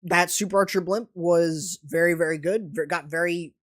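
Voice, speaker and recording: With a high voice already strained and going hoarse, a young esports commentator and streamer covers a video game match live. He is excitable, his delivery rising into sudden exclamations.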